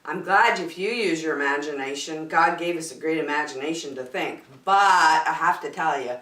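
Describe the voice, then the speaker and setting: A woman with a low-pitched voice, speaking at normal speed, hosts storytime by reading a rhyming picture book aloud to young children in an expressive, theatrical way. The recording is roomy and echoes.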